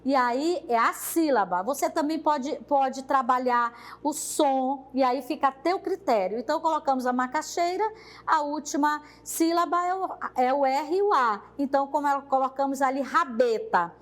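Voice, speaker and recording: A woman training teachers, explaining a classroom activity and speaking directly to the teacher in an unhurried way. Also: high-pitched.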